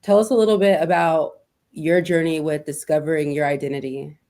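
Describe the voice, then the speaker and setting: A woman's voice: low-pitched, steady tone, a little fast, dark tone. A woman hosting a podcast, asking questions in an upbeat, casual way. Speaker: podcast host. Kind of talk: casual interview.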